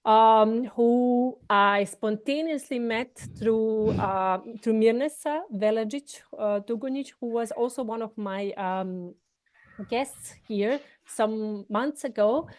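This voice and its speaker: A woman's voice: on the high side, slow. A woman hosting a podcast, introducing her guest in a hesitant way with many fillers. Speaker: podcast host. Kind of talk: casual interview intro.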